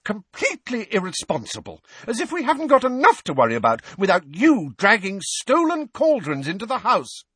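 A man voicing a middle-aged mother shouting furiously at the top of her voice. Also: high voice, wildly swooping pitch, normal speed, few pauses, slightly rough, no room sound, pitched above the performer's own voice, exaggerated voice. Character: stern mother, middle-aged woman, scolding.

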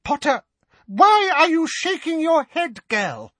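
A man's voice: sits high, huge pitch swings, measured pace, husky, dry recording, pitched above the performer's own voice, exaggerated voice. A man voicing a cruel middle-aged woman official who talks in a falsely sweet, coaxing way. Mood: furious.

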